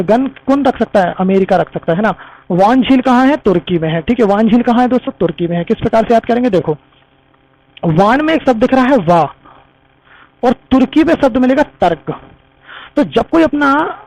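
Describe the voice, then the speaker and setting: A man's voice: very high-pitched, darkish tone, rough recording. A man teaching an exam-prep lesson, repeating memory tricks and calling his viewers friends. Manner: repetitive, addresses viewers as friends.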